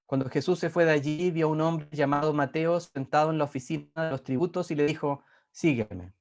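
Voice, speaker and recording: A man's voice: a little high, steady tone. A man preaching a sermon as pastor, who repeats words for emphasis and reads scripture aloud. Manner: repeats words for emphasis, rising and slowing on key phrases.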